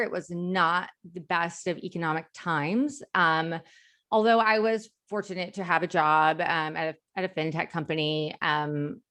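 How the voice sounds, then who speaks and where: A woman's voice: on the low side, fairly bright tone. An American woman in her thirties with a slight lisp and slushy s sounds, chatting casually and self-deprecatingly as an interview guest. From Chicago area, United States. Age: 30s. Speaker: company founder, interview guest.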